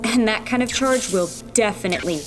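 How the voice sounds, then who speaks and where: In a sci-fi audio drama, a woman with a medium-pitched, brisk voice plays a determined young rebel engineer and leader, acting it lightly. Focused and earnest, she takes charge while laying out the plan. Loud music plays over her voice.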